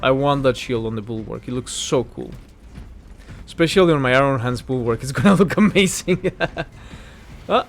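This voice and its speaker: A man's voice: mid-range voice, animated, normal speed. A man giving casual, rambling game commentary while he plays, easily sidetracked by the action. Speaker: gaming video host. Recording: clear background game noise.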